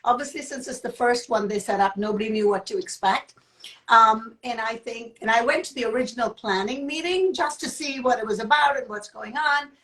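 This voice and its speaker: A woman's voice: fairly high pitch, brisk, fairly bright tone, rough recording. A woman co-hosting a casual live-streamed chat, talking in a chatty way with restarts and laughter. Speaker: co-host of a live talk show. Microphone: phone.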